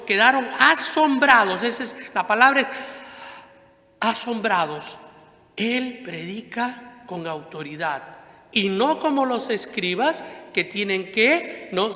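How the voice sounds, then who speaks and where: A man's voice: sits high, sharp tone. A male priest giving a Sunday homily in a conversational way, asking rhetorical questions and adding "no?" after many phrases, in a church. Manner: conversational preaching, frequent rhetorical questions and tag "¿no?". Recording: echoey church with long reverb.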